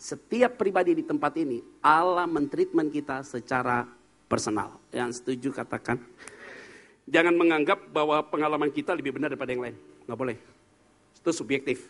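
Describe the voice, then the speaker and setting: A man's voice: mid-range voice, a little fast, a bit bright. A man preaching as a pastor in a church service, telling frank, humorous stories and quizzing the congregation. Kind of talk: sermon.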